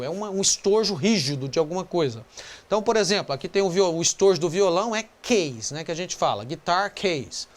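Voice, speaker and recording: A Brazilian man teaching English vocabulary in a casual video lesson, explaining step by step and repeating key words slowly. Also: sits high. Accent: Brazilian Portuguese.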